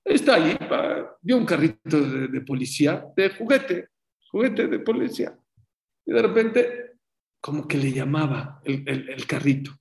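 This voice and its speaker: Animated man preaching in a roomy space. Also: a little high, measured pace, gravelly. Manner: animated, acts out story voices. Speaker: religious teacher. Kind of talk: sermon with storytelling. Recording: roomy echo.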